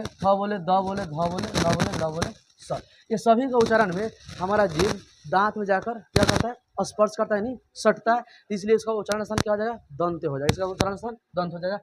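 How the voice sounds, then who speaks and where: A man's voice: high-pitched, noisy background. A man teaching a grammar lesson. He keeps asking and answering his own questions and repeats every point.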